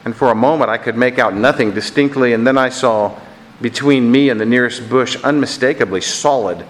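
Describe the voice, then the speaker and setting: Preacher reading aloud in a reverberant hall. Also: male voice, mid-range voice, slight background noise. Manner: earnest, deliberate storytelling. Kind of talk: sermon with read-aloud story.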